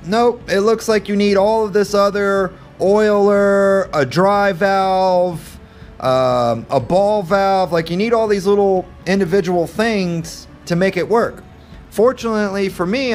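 A man in his thirties casually unboxing and reviewing tools, plain-spoken and a little self-deprecating, recorded on a camera mic in a cluttered indoor garage workshop. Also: high-pitched. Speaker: channel host reviewing tools.

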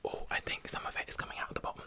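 Young man whispering fast, aggressive ASMR. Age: young adult. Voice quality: whispered, mostly unvoiced. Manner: rapid-fire repetition of short phrases. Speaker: ASMR video creator. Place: small bedroom, indoors. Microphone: desk microphone close to the mouth.

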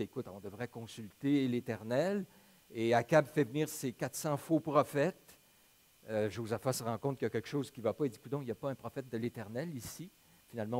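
Quebec French pastor preaching steadily. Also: male voice, mid-range voice, a little mellow. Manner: measured scripture reading, then plain conversational preaching with hesitations. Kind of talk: sermon with Bible reading.

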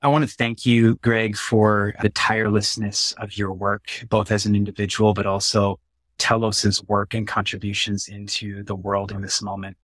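A man in his forties hosting a virtual conversation, speaking earnestly and warmly about his work and his guest, close to a webcam in a small room. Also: on the low side, level tone, normal speed, dry recording. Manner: earnest, heartfelt, flowing. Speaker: interviewer and peacemaking trainer. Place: small room with curtained window. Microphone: phone or webcam close up.

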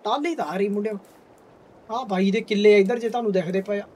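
Young male gamer, very high voice, hearty matey banter, recorded a bit away from the mic. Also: fast talker, a little mellow, husky. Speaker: gaming video host. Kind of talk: casual gameplay commentary. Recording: distant mic, faint background noise.

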